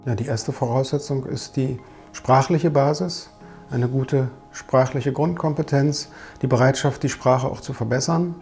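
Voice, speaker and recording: Gravelly, dark-voiced man. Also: mid-range voice, steady tone, soft background music. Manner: measured, with frequent hesitation fillers. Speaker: chief physician. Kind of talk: documentary interview.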